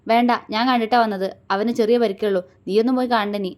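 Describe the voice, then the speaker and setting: A quick-tempered, loving young husband who scolds and teases gruffly, read by a woman narrator. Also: medium pitch, dark tone, close to an everyday voice. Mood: evasive.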